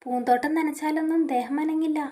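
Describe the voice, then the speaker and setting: A woman's voice: high voice, fairly even intonation, brisk, mellow, pitched above the performer's own voice, natural voice. A woman voicing a young man in a storybook, a playful, doting expecting father who teases and coaxes. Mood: teasing.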